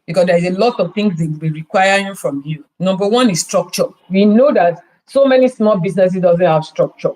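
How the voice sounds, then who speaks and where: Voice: mid-range voice, brisk, few pauses, darkish tone, poor audio. A podcast host with a Nigerian accent giving business advice, emphatic and full of rhetorical questions. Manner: emphatic, repeats key words.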